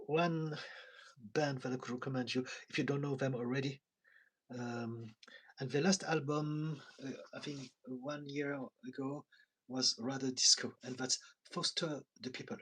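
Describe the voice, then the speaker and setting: Husky and medium-pitched, this French-accented man speaks slowly with long pauses, and the recording is rough. A tired therapist from France living in London, he chats on a live stream, reads viewer comments aloud, laughs a lot and offers soft asides.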